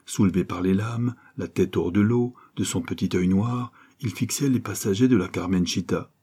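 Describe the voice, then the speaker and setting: Low husky guy reading an adventure story, warm darkish voice. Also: normal speed. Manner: reads dialogue with lifted, livelier pitch. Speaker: audiobook reader. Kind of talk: scripted narration.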